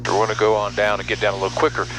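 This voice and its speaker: This middle-aged American vlog host races through his casual in-flight explanations in a fairly low, completely flat voice. He's in the cockpit of a small prop plane, talking into an aviation headset. The loud engine hum and intercom are clearly audible.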